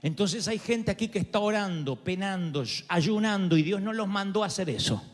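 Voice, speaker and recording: A male pastor preaching a passionate sermon, telling a story and rising to shouts in a large church. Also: high voice, expressive, normal speed. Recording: long hall reverb, faint music.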